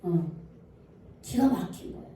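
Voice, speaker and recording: Woman pastor, sermon delivery with questions to the pews, warm mellow tone, miked from a distance in a reverberant church. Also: a little slow. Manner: asks the congregation questions and answers them. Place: church sanctuary. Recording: echoey church hall, voice from far off.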